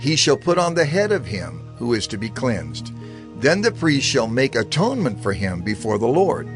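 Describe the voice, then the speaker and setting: A man with a medium-pitched, mid-range voice reads scripture steadily and reverently, his delivery following a lively, expressive melody. Soft music hums faintly behind him.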